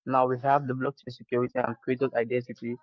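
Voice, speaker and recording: A man's voice: medium pitch, little pitch movement, fast talker, dry recording. Man presenting over a dull video call. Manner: explains step by step, many "so now" restarts. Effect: heard over a video call. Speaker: startup presenter.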